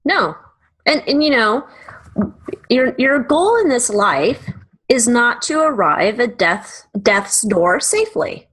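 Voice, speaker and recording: A woman's voice: fairly high pitch, very animated, slow, fairly bright tone. A middle-aged woman co-hosting a podcast, chatting casually in a blunt, profane, joking way. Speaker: podcast co-host.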